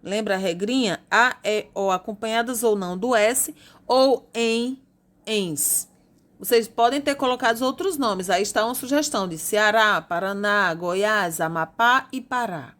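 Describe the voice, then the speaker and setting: A woman teacher from Brazil, patiently going over homework answers and spelling out grammar rules slowly. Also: mid-range voice, fairly bright tone. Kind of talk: recorded classroom lesson correcting homework.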